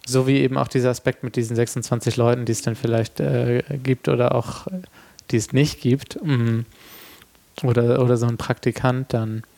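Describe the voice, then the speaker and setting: Creaky-voiced man thinking aloud. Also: medium pitch, flat delivery, normal speed, dark tone. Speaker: artist discussing a project. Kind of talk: reflective conversational discussion.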